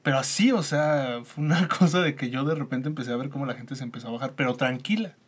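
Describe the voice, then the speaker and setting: A man's voice: medium pitch, fast talker, slightly rough. Mexican man telling a rambling story. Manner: rambling storyteller, trails off softly. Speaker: podcast co-host. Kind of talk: casual chat.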